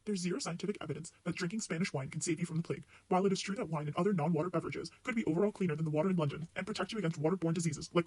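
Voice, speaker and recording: A man's voice: on the high side, darkish tone, husky, no room sound, poor audio. A man playing a matter-of-fact disclaimer announcer in a parody pharmaceutical ad, rattling off warnings from a script. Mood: brisk warning. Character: brisk male drug-commercial disclaimer announcer listing dangers.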